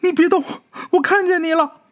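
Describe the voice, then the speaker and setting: A man's voice: very high-pitched, moderate pace, voice pushed up. A man voicing a grieving, reckless young female student, in a pleading, crying manner within a told ghost story. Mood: calling out. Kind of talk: storytelling with voiced characters.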